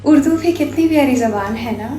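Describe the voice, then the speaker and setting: A woman teaching vocabulary in a slow lesson reel. She says each word carefully and corrects common words one by one. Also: high voice, warm tone. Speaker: language teacher. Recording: echoey room with faint background music.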